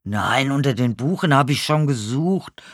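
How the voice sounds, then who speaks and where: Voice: animated, unhurried, no echo, studio quality. A reader voicing a frantic, confused old man who is hard of hearing and keeps mishearing words, in a storybook reading. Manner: high, loud, flustered and mishearing.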